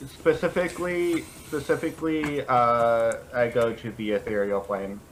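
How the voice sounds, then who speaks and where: A man's voice: medium pitch, steady tone, a little slow, a little hiss or hum, poor audio. A man playing in a tabletop game, answering in a dry, matter-of-fact way. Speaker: player. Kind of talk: casual tabletop play.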